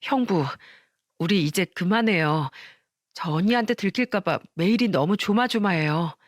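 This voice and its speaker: Storybook role: woman as an anxious, guilty younger sister, soft and pleading, dry recording. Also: fairly low pitch, lively intonation, normal speed, dry recording, lightly acted.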